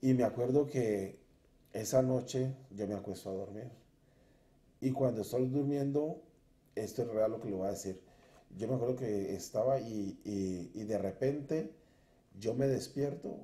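A man's voice: lowish voice, normal speed, dark tone, reverberant. A man sharing his personal conversion testimony in a church interview, telling it earnestly and acting out his past self.

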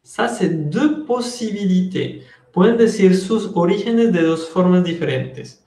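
A man in his thirties teaching an online French lesson from an office on a video call, slow and deliberate, explaining step by step. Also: high-pitched, lively intonation, warm tone, roomy sound. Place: office with window blinds. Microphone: earphone headset mic on video call.

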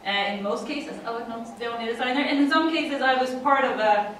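Speaking English with a Swedish accent, a middle-aged woman from Sweden delivers a conference talk that is chatty, full of laughs and fillers. She sits on the high side, a bit fast, with a fairly bright tone and slight background noise. The recording comes from a far room mic, distant and echoey, in a dim conference room.

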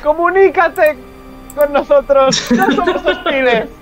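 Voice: high voice, takes it slowly, music in the background. A player voicing a theatrical adventurer who declaims grandly to a spirit like a hammy, pompous stage actor. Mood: grand, pleading.

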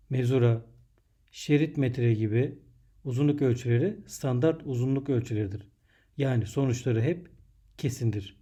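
A man narrating a scripted primary school lesson, dictating in measured, separated phrases as a teacher does for young pupils. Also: medium pitch, mellow.

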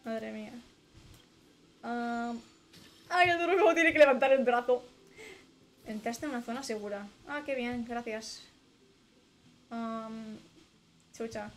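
Young streamer, high bright voice, reads game text aloud, chatty asides, desk mic. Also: female voice, a little slow, long pauses, a little hiss or hum. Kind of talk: casual gameplay commentary.

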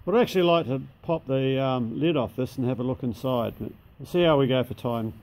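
A man with a medium-pitched, slightly mellow voice and moderate pace runs a machine shop in Australia. He gives a casual, matter-of-fact walkthrough inside a large workshop shed, speaking plainly with local slang, recorded on a handheld camera mic.

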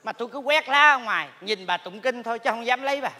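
A man's voice: very high voice, expressive, quick pace, sharp tone, long reverb tail, full character voice. An actor playing a wisecracking middle-aged man who sweeps temple leaves. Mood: teasing. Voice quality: teasing and wisecracking. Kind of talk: stage comedy sketch.

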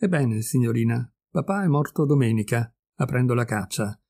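A man's voice: mid-range voice, lively intonation, normal speed, gravelly, dark tone, slightly rough. A man voicing a young son, awkward and moved, who speaks hesitantly and with restraint. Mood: restrained.

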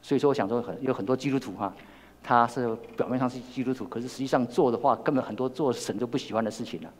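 A man's voice: medium pitch, quick pace. Older Taiwanese-accented man preaching in a hall. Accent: Taiwanese Mandarin. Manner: storytelling, many repeated words and restarts. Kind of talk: sermon. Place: church hall. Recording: long reverb in a church hall.

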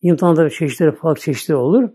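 An older male preacher talks through a religious lesson in a loose, conversational way, circling back over the same phrases. His voice sits a little high and sounds soft and mellow. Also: rapid-fire, husky. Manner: plain conversational preaching, repeats "böyle". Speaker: Islamic preacher. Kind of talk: religious sermon talk.

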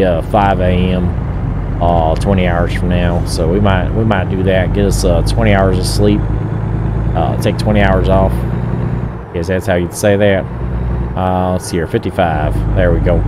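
A tired man streaming a trucking game, rambling to his viewers with lots of filler words and half-talking to himself. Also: deep voice. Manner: rambling, full of "uh" and "um", talks to himself. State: tired, drowsy. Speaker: gaming streamer. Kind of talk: casual gameplay commentary. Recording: steady game engine noise behind the voice.

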